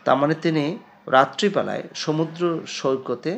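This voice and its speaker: A man teaching an English pronunciation lesson to students, speaking with a Bengali accent and drilling words slowly and emphatically. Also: a little high, gravelly, dull audio. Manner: slow, emphatic word-by-word drilling, addressing students directly.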